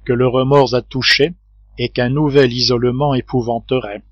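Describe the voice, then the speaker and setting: A calm, steady male engineer, as a male narrator plays him, speaking low and measured. The recording is dry and somewhat dull. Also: no room sound, close to an everyday voice. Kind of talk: audiobook reading.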